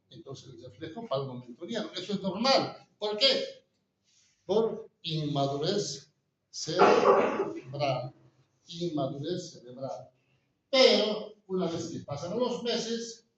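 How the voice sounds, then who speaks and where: A man's voice: on the high side, slight background noise. Guy teaching a class, keeps asking the room questions, sounds far off in a big echoey room, kinda muffled. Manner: asks the class constant rhetorical questions. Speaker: lecturer. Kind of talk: classroom lecture. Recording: echoey, distant, dull room recording.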